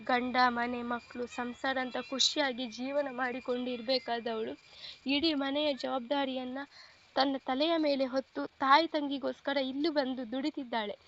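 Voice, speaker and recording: A woman voicing a caring young man who plays a protective elder brother, speaking gently and reassuringly, in a storybook reading. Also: sits high, steady tone, unhurried, muffled recording, a little hiss or hum. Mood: musing.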